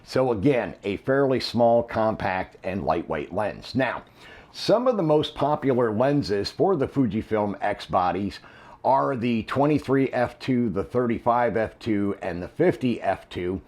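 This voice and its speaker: Low-voiced man reviewing camera gear. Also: measured pace. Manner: relaxed, explanatory, with many ums and uhs. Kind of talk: unboxing and product review.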